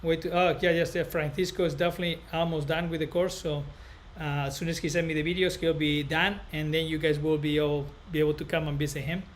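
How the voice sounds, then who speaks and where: A fairly high-voiced barber educator and live stream host from northern Spain talks to viewers with a Spanish accent in a casual, rambling, halting style, circling back to repeat phrases. His pitch barely moves, and clear background noise is audible behind him.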